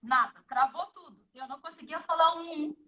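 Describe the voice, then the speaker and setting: A woman's voice: sits high, moderate pace, lo-fi sound. A Brazilian woman in her fifties with a Brazilian Portuguese accent, a guest in a casual interview, who tells stories vividly and acts out the dialogue. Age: 50s.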